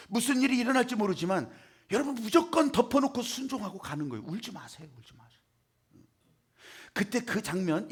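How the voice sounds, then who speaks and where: Male pastor, sermon delivery, high husky voice, dramatic and theatrical, voices his characters.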